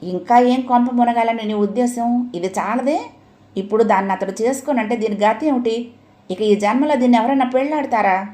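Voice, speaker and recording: A woman's voice: on the high side, moderate pace, warm tone, close to an everyday voice. A woman voicing an irritable middle-aged father who scolds his wife sarcastically, in an audio story. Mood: scolding.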